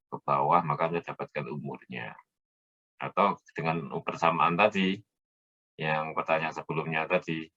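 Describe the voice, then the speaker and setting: Low-voiced male lecturer, bright tone. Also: highs cut off. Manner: explanatory, often checks students' understanding; hesitant fillers while thinking aloud. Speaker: university lecturer. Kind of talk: technical lecture.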